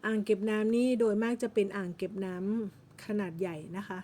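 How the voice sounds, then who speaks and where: A woman's voice: mid-range voice, steady tone, brisk, mellow. A Thai-accented woman teaching English vocabulary, patiently explaining words and repeating each English term several times. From Thailand. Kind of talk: slow vocabulary lesson.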